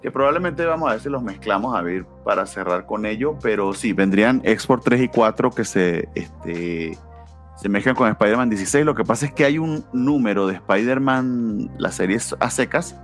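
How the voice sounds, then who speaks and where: A man co-hosting a casual comics podcast, rambling and filling pauses with hesitations. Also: fairly low pitch, expressive, faint music behind. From not from Mexico, now naturalizing. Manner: rambling, many "este" fillers. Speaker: podcast co-host. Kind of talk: casual chat about comics.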